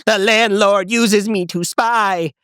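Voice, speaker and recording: Paranoid sentient smoke detector, put on by a host, robotic voice, pitched up, slow deliberate words, dry close sound. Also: fairly even intonation, a bit bright, smooth, dry recording. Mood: paranoid, solemn. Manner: stiff robotic speech, slow and raised. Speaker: storyteller host.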